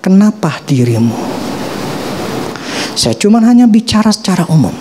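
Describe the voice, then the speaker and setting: A man's voice: sits high, moderate pace, noisy background. A man in his forties, a pastor from Indonesia, preaching a sermon in casual slang. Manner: animated, preaching in casual slang with acted quotes.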